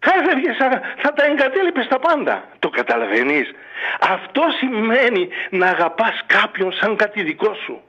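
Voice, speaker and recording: Animated, high-voiced preaching monk on radio. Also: male voice. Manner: fatherly, exhorting, asks rhetorical questions. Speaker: monk giving a radio interview. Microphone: radio studio or phone line. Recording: dull lo-fi radio audio.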